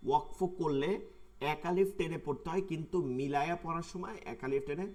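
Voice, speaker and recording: A man, teaching an online tajweed class and patiently repeating words slowly to show their pronunciation. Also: on the high side, a little mellow. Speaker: Quran recitation teacher.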